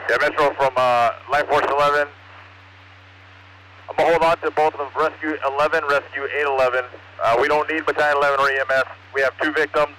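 A man's voice: a little high, level tone, fast talker, pushed and bright. A male fire officer giving a plain, procedural status report over a fire department radio. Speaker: fire crew officer at an incident. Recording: noisy fire radio scanner transmission.

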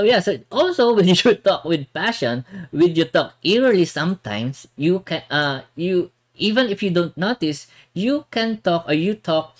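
A woman, patiently explaining Korean vocabulary in an exam-prep lesson and checking in often. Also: sits low. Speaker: Korean language teacher. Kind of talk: exam-prep lesson mixing English and Tagalog.

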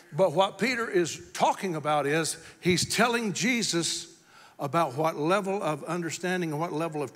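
Male pastor, impassioned sermon, high bright voice, shouts then quick explaining, long reverb in a big hall.

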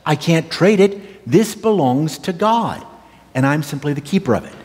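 A man's voice: on the high side, expressive, normal speed, darkish tone, slight background noise, lightly acted. A man voicing a devout man firmly refusing to sell his family's land, in an earnest, pleading tone, with long church reverb.

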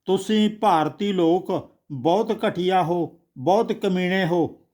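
A man's voice: high-pitched, slow, a little mellow. A man voicing a resentful young man who talks in a rude, bitter tone in a storybook. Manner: rude, blunt tone.

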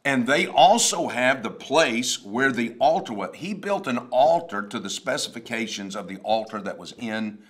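A man's voice: mid-range voice, lively intonation, moderate pace, hardly any pauses. A man in his sixties, a pastor, chatting about a sermon in a rambling storytelling way, often restarting. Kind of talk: casual chat about a sermon. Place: wood-paneled studio, seated at a table.

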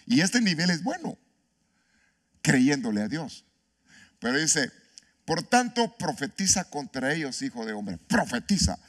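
A man pastor preaching an animated sermon, asking his congregation questions and mixing in humor. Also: a little high, measured pace, pauses often. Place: church.

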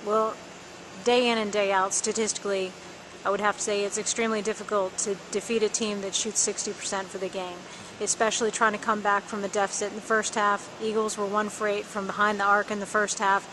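A woman working as the team's media interviewer, putting prepared post-game questions with statistics in an even delivery. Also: medium pitch, brisk, noisy background. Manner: scripted, stat-citing, even delivery.

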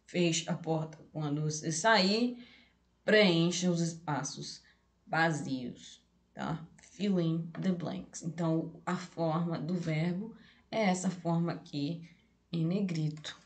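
A Brazilian woman teaching English grammar over a live stream, with a slightly low voice. She takes her time and speaks slowly. She explains patiently and spells out each example phrase carefully. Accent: Brazilian Portuguese. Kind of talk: online English grammar lesson. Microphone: streaming setup.

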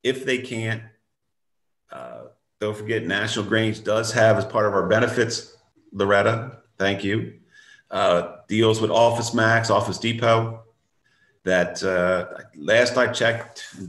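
This older man speaks in a low voice, plain and reassuring, as he gives an update on a video call. His voice carries a good deal of echo from the room he sits in at home. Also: unhurried, fairly bright tone. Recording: echoey room.

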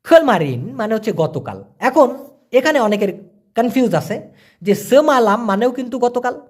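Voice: mid-range voice, very animated, moderate pace, a little mellow. Teacher, spoken language lesson, patient, repeats and spells out words, acts out sounds. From Bangladesh. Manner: patient, repeats each word and spells it out letter by letter; acts out sounds and little scenes to explain words.

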